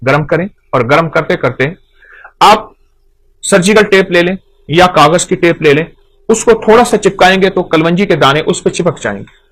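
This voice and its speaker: A man's voice: high voice, moderate pace, fairly bright tone. A man gives an earnest, instructive talk on home remedies, repeating his key points for emphasis. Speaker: folk remedy speaker.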